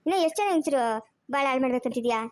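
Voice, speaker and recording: A woman's voice: high voice, very fast, no echo, studio quality, lightly acted. A woman, playing a furious wife who scolds and insults in an amateur family drama. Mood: scolding.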